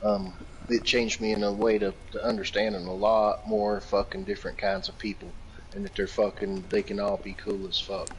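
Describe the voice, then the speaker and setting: A man's voice: on the low side, flat delivery, normal speed, slight background noise, rough recording. A man from Virginia telling long, profane, rambling anecdotes in casual chat, laughing often. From Virginia, United States.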